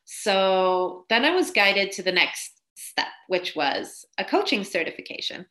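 Her mid-range voice has big pitch swings and a fairly bright tone, and she keeps a measured pace. A spiritual coach on a podcast, she tells her story chattily, laughing often and using "like" as filler.

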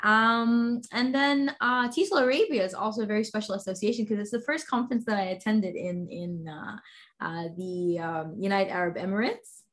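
A woman's voice: mid-range voice, normal speed, fairly bright tone. Enthusiastic woman guest, many fillers. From Sudan. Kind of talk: interview conversation.

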